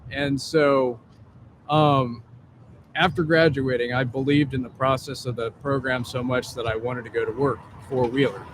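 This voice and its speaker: Sitting on a bench by a street, with traffic noise behind him, a case manager talks candidly and plainly about his past in a casual outdoor interview. Raised in Columbus, Ohio, he has a mid-range voice and a steady, unhurried tone.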